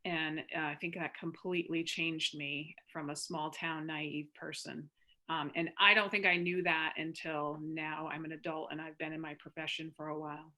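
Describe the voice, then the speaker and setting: A woman's voice: low-pitched, level tone, normal speed, bright, forceful tone. A woman alumna reflecting thoughtfully and unhurriedly on how college changed her. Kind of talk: reflective interview answer.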